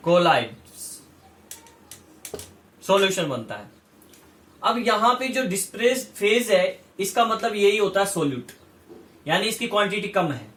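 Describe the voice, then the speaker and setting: A man's voice: high voice, a bit bright, echoey room, distant mic. A man giving a chemistry lecture, explaining step by step and repeating key terms as he checks that students follow. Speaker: chemistry teacher. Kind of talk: classroom lecture.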